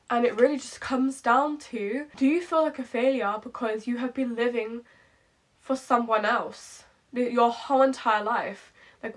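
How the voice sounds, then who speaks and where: A woman's voice: a little high, a bit bright. A woman, talking candidly and rambling in a reflective late-night vlog, repeating herself and saying "like" often. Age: 20s. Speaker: vlogger.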